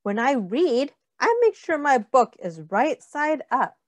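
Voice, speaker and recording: A middle-aged woman who teaches early childhood reads aloud from a picture book, her voice high and very lively. She keeps a slow pace and simple wording, pausing to question the children listening. The audio is close and dry.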